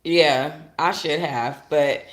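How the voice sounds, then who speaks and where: Animated woman with an echoey sound. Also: deep voice, takes it slowly. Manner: animated, laughing, loud exclamations. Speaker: podcast host. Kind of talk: casual commentary chat.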